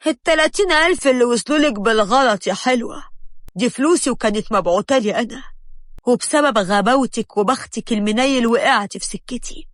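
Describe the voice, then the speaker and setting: A woman with an Egyptian accent voicing a grown male street thug who mocks and threatens, loud and dry. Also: a little high, expressive, quick pace, no room sound. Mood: mocking. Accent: Egyptian Arabic. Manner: sneering and threatening.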